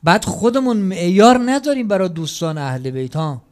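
A man preaching a sermon in a notably high voice. His delivery is emphatic, rising to loud declarations and dropping to hushed asides. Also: very animated.

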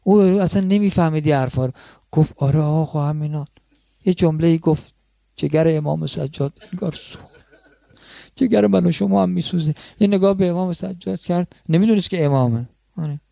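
A man's voice: sits high, gravelly, warm tone, no echo, clean studio sound. A male preacher telling a religious story in a conversational way, turning to address his listeners as friends. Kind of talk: storytelling sermon.

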